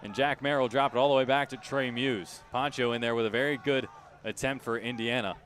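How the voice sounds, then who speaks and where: A man with a mid-range, fairly bright voice calls a soccer match live on radio as the play-by-play announcer, describing each touch in clipped, urgent, emphatic phrases. He talks fairly quickly with fairly even intonation, and there's a little hiss or hum on the recording.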